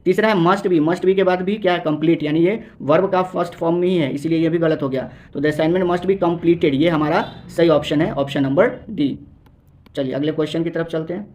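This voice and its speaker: A man teaching an exam-prep English lesson, asking the viewer questions and answering them, reading English sentences out slowly. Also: fairly high pitch. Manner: repeats key words as questions to the viewer.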